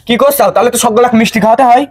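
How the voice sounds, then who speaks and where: A man's voice: extremely high pitch, fairly even intonation, very fast, slight background noise. A man acting in a comedy sketch, talking in an earnest, fussing way. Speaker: comic actor playing a suspicious husband.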